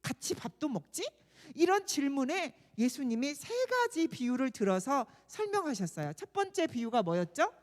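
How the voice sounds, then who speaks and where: High, animated woman telling children a Bible story. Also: moderate pace, few pauses, big-room sound. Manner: animated, expressive, asks children questions. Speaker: children's worship teacher. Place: church.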